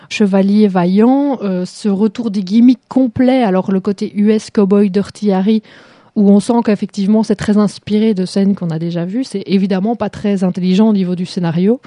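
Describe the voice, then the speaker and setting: A woman's voice: mid-range voice, warm tone, no room sound. French-talk show lady roasting a cheesy series, sarcastic, laughs a lot, dry mic. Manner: sarcastic, mocking, laughs often. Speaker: show host reviewing a TV series. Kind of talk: casual critical chat.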